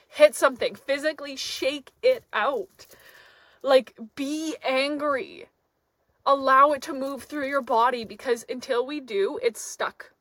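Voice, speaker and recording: A woman's voice: on the high side, fairly bright tone, dry recording. Candid young woman, reflective and laughing. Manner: open, reflective, laughs often. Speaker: van life vlogger. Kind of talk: candid personal talk to camera.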